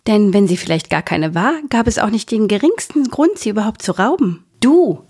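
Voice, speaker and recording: A woman narrating a children's audiobook in a lively, expressive way. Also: mid-range voice, fairly quick, husky.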